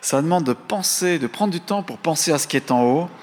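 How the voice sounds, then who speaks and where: A man's voice: on the high side, lively intonation, brisk, darkish tone. French preacher man in a reverberant hall. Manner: teaching, reading out verse references, asks the congregation to pray aloud. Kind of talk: sermon.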